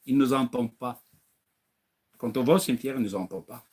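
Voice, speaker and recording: A man's voice: medium pitch, fast, a little mellow, husky. A man preaching to listeners in French, acting out little dialogues, firing rhetorical questions and mocking now and then. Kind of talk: animated religious talk.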